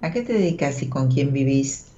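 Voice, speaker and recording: On a live tarot call-in program, a woman from Argentina chats warmly and informally, reassuring listeners and often tacking on tag questions. Her husky voice is extremely low-pitched with lively intonation at a normal speed, while the recording is dull and band-limited.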